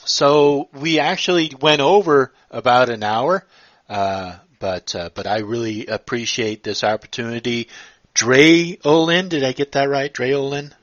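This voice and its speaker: A man's voice: mid-range voice, measured pace, a bit bright, no echo. A man hosting a casual live-streamed interview, talking hesitantly with many fillers and restarts. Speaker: podcast host. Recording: dull lo-fi dry sound.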